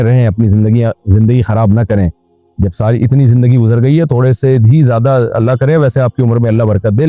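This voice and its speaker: A man, an Islamic scholar, answers questions with frank, direct counsel in a steady middle-pitched voice. The sound is thin and phone-like, dry, with faint music behind it. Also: no room sound. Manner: direct, advisory, plain-spoken. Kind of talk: question-and-answer religious advice.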